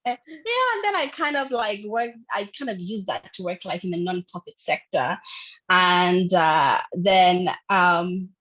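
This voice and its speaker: A woman's voice: on the low side, measured pace, a bit bright. A young woman from Uganda, a filmmaker, talking casually in an interview over a video call, chatty with lots of fillers. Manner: chatty, many fillers, laughs often. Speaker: filmmaker guest. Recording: dull lo-fi video call audio.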